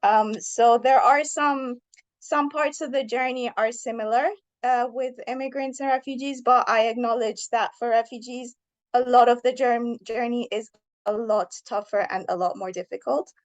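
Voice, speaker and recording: A woman's voice: a little high, steady tone, normal speed. Earnest Iranian-born woman author. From Iran. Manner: thoughtful, earnest, with fillers. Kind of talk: interview answers.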